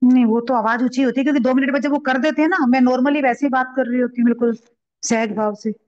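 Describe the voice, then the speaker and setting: A woman's voice: high voice, steady tone, fast, darkish tone, highs cut off. A woman taking part in an online discussion, speaking earnestly and explaining her situation at length. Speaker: participant. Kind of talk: casual discussion. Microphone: online call.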